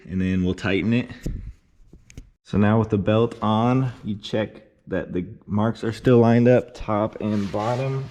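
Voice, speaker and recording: Working in his garage, a car repair vlogger walks viewers step by step through timing a car engine in a casual how-to tutorial. His voice sits on the low side, and he explains in a relaxed way, speaking straight to the audience. There's slight background noise.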